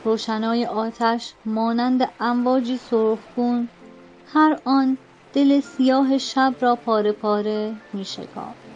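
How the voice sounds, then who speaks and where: A woman narrating a novel as an audiobook in a measured, dramatic storytelling manner. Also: a little high, fairly even intonation, darkish tone, dull audio, soft background music. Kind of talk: scripted narration.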